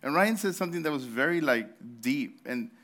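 In church, a man in his thirties preaches a sermon, telling a story full of laughs and restarts. His voice is fairly high, animated, and a bit bright, and he talks a little fast despite a slightly sore throat.

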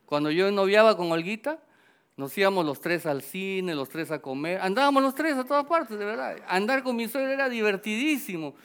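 A man's voice: high voice, lively intonation, moderate pace, fairly bright tone, clean tone. A middle-aged male pastor giving a sermon testimony, telling a personal story and acting out the dialogue he quotes.

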